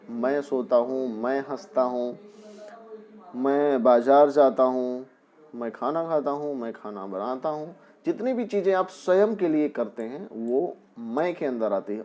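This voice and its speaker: A man with a somewhat high, dark-toned voice teaches young pupils a Hindi spelling lesson. He patiently explains step by step, repeating examples, and often asks the class "है ना".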